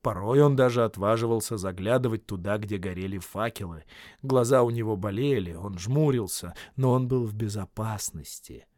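A man reading a fantasy tale aloud as an audiobook, with expressive storytelling and dramatic shifts in loudness. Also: on the low side, normal speed, no echo, clean studio sound. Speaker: audiobook reader. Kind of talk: scripted narration.

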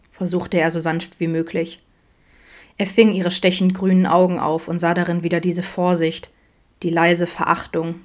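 A woman reads a story aloud as an audiobook narrator. Her voice sits a little low, and her delivery stays calm and even.

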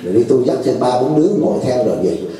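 A man's voice: mid-range voice, lively intonation, quick pace, mellow. A man giving a Buddhist dharma talk, folksy and joking, often asking his listeners questions. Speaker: Buddhist teacher. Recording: echoey hall, voice from far off.

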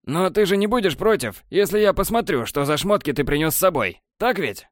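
A man voicing a wary male stalker leader who speaks in a calm, measured way. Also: high-pitched, no room sound, clean studio sound, voice pushed up. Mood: guarded.

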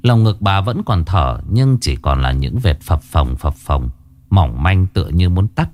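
A man narrating a horror story in a dramatic, measured way. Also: low voice, sing-song, darkish tone.

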